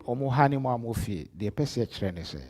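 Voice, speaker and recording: A middle-aged man from Ghana with a Ghanaian accent, an apostle giving a live-streamed church address that swings between loud emphasis and soft asides. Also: mid-range voice, expressive, fast, husky. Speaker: apostle preaching.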